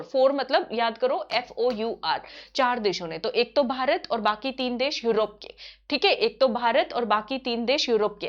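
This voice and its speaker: Brisk woman teaching a quiz. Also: a little high, highs cut off. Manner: brisk and repetitive, often checking in with "theek hai". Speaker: exam-prep teacher. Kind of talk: online current-affairs quiz lesson.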